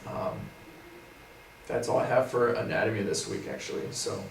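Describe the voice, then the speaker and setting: A young man speaks in a mid-range voice, relaxed and casual, his phrase ends softening as he trails off. He is heard from some distance in an echoey room with faint background noise. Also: fairly low pitch, moderate pace. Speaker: co-host, physical therapy student. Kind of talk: casual study recap. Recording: roomy, far from the mic, faint noise.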